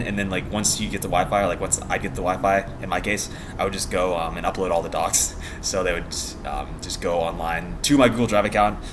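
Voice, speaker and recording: Young American male vlogger, rapid meandering chatter, giggly and casual, faint noise behind the voice. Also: on the low side. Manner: meandering, giggly, trails off mid-thought. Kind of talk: casual rambling vlog chat.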